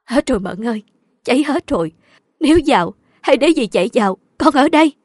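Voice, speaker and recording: Woman voicing a gentle protective aunt. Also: lowish voice, a little fast, dry recording, clean studio sound, natural voice. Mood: pleading. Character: caring, protective aunt, middle-aged.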